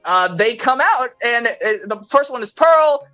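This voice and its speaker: Bright-voiced man recapping a cartoon. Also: very high voice, a little slow, soft background music, poor audio. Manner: animated, acts out characters' lines in quoted voices; frequent fillers and laughter. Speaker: podcast host. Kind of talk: casual chat recapping a cartoon movie.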